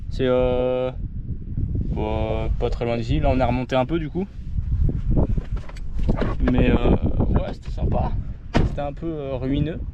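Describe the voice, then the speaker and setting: A rambling, chatty man from northern France talks casually to camera outdoors. His voice sits at an ordinary middle pitch. Wind and outdoor noise come through clearly on the camera mic. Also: steady tone, unhurried, pauses often, muffled recording. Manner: chatty, rambling, asks viewers questions. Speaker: travel vlogger. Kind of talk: casual travel vlog chat. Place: outdoors, ruins and seaside. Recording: noisy outdoor camera audio.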